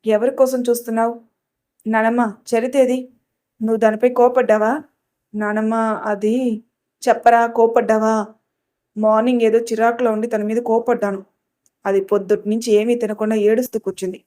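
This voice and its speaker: This woman's voice is a little high, level and mellow; she moves briskly but leaves long pauses. She narrates a family drama audio story, handling each character's dialogue in her own voice with just minor shifts.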